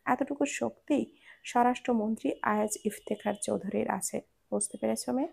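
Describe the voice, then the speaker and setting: A woman reading the lines of a bossy male minister who teases and threatens his wife, in a lower, quieter voice. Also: normal speed, vocal fry, husky, exaggerated voice. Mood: stern. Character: stern commanding male minister, teasing husband.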